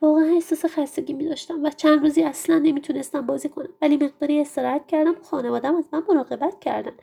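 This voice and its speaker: A woman voicing a lively young child who recounts in a storybook reading how it recovered from illness. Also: sits high, gravelly, voice pushed up. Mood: telling.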